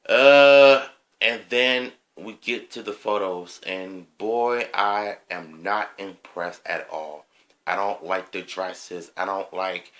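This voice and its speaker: A man giving an unscripted opinion monologue on his video channel, hesitant, with frequent pauses, ums and throat clearing. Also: fairly low pitch, fairly bright tone. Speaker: vlogger.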